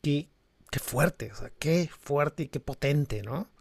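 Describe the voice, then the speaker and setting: A man's voice: a little high, slow, husky, no room sound. A man hosting a casual conversation, thoughtful, searching for his words and stressing his amazement.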